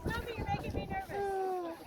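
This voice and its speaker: A woman's voice: very high-pitched, fairly even intonation, moderate pace. A woman chatting casually outdoors in the wind, recorded from a distance with heavy noise. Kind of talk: casual chat among mourners.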